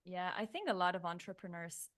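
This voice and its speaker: A woman in her thirties from Slovenia, a Slovenian native speaker, guest on an interview, talking in a reflective, animated way with many restarts. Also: fairly low pitch, fairly quick. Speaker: guest, neuroscientist turned coach. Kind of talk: casual interview chat.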